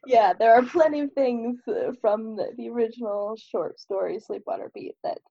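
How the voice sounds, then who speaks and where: A woman's voice: fairly high pitch, moderate pace, gravelly, no room sound. A woman chatting casually as an author and guest on a podcast, on slightly dull, lo-fi audio. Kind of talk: casual interview chat. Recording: dull, lo-fi band-limited audio.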